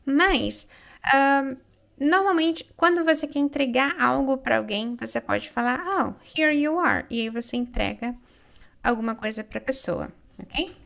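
Brazilian woman, English teacher, explaining in Portuguese, slow and careful, slightly high, gravelly. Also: a bit bright. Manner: slow, careful delivery with frequent check-ins like "né?" and "ok?"; reads English lines aloud slowly and clearly.

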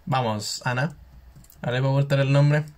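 A man's voice: mid-range voice, steady tone, a little mellow. A young man with a Chilean accent reads on-screen game dialogue aloud as he plays. He stumbles, restarts lines and drops slangy casual remarks between the reading. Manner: reads text haltingly with restarts, slangy asides. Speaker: gameplay streamer.

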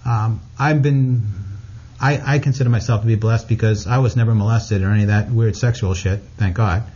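Husky, blunt-talking man. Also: lowish voice, steady tone, brisk, mellow, muffled recording. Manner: blunt, frank, swears freely. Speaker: guest author. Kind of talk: candid interview talk.

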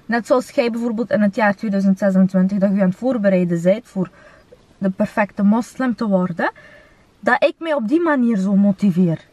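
A woman's voice: mid-range voice, moderate pace, mellow, no room sound. A young woman with a Flemish accent chatting casually, slangy, with Arabic interjections. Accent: Flemish Belgian. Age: young adult. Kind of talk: casual chat. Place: inside a car.

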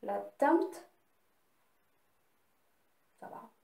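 A beauty vlogger speaks extremely slowly in a mellow voice, casually showing off and swatching eyeshadow palettes she bought. She chats through the haul with little apologetic asides, and the room sounds echoey.

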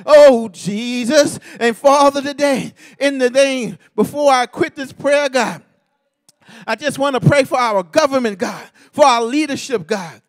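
A man pastor leading a fervent intercessory prayer, ending nearly every phrase with a call to God, rhythmic and half-sung, rising to shouts. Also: very high-pitched, measured pace, no room sound, studio quality.

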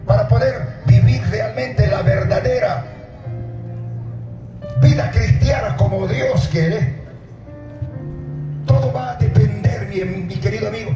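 A middle-aged man preaching at night on an outdoor stage, speaking into a handheld mic, calling out to the congregation and shouting at the peaks. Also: sits high, takes it slowly, long pauses, muffled recording, over music. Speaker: pastor. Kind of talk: open-air sermon. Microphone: handheld mic through PA, filmed from far. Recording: echoey PA sound from far off.

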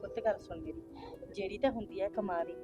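A woman's voice: mid-range voice, fast, warm tone, lo-fi sound, soft background music, lightly acted. A woman acting as an older village mother, coaxing her son and calling him "son" at every turn. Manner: coaxing, repeating "son" often. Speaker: actor in a short film.

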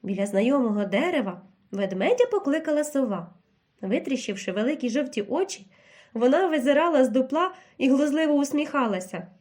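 A woman narrating a children's fairy tale in an expressive, animated storytelling manner. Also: high voice, fairly quick.

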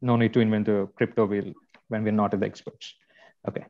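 A man's voice: fairly low pitch, flat delivery, brisk. A man asking technical questions on a video call, hesitant and full of fillers, politely agreeing. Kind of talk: casual technical discussion. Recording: dull lo-fi call audio.

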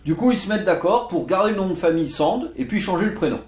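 A literature video host gives a casual, chatty history lesson packed with jokey asides and digressions, in the style of a storytelling lecture. His high-pitched voice is expressive, quick, and a little mellow. Faint guitar music plays in an echoey room.

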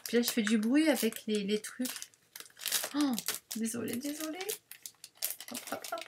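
High-voiced, chatty woman. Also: unhurried, background noise. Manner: chatty, rambling, excitable, apologetic. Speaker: craft vlogger unboxing a parcel. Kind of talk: casual unboxing chat to viewers.

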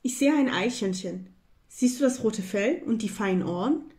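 A woman's voice: mid-range voice, expressive, normal speed, darkish tone, lightly acted. A woman voicing a cheeky, vain squirrel in a children's story. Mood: teasing.

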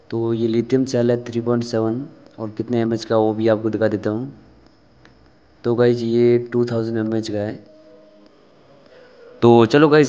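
An Indian man narrates an unboxing and product demo as a review vlogger, explaining step by step in an informal way, repeating himself as he talks to viewers. His voice is low, dark, clear and resonant, though the recording sounds muffled.

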